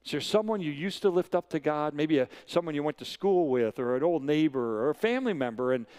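Speaking briskly, the sixty-something guest preacher has a clear, resonant voice that sits on the high side. His sermon unfolds as lively storytelling, with key phrases hammered home through repetition.

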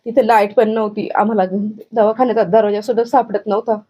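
A woman's voice: medium pitch, flat delivery, fast, muffled recording. A middle-aged woman, giving a grieving, urgent account in a news interview. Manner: grieving, urgent, recounting in detail. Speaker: bereaved grandmother interviewed.

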